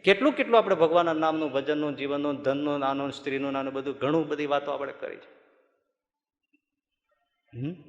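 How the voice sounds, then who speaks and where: Gujarati monk preaching in an echoey hall. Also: male voice, on the high side, a little fast, pauses often, lo-fi sound. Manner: folksy, animated storytelling with laughter. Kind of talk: storytelling sermon. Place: large hall at a gurukul. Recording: echoey hall with long reverb.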